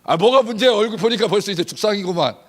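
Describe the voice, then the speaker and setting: A man's voice: high-pitched, rapid-fire, pitched above the performer's own voice. A man voicing a brusque, rich husband who gives curt, impatient orders. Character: rich, blunt husband who has everything.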